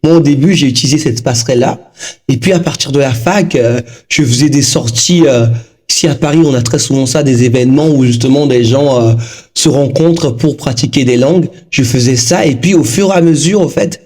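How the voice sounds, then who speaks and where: A man in his thirties from Togo, a guest talking casually in an interview, lively and full of fillers. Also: medium pitch, fairly quick. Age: 30s. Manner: animated, lively storytelling with frequent fillers.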